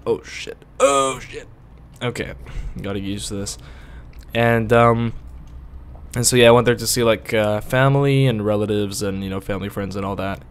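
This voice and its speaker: A man's voice: lowish voice, normal speed, clear, resonant tone. A man whose first language is Latvian, rambling through casual gameplay commentary, cursing and bursting out whenever the driving goes wrong. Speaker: gaming video host.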